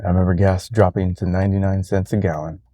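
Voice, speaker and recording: A man's voice: sits low, little pitch movement, fast, dark tone. A middle-aged man rambling and musing aloud in a casual vlog, talking to the camera from his car. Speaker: vlogger. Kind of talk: casual driving vlog monologue.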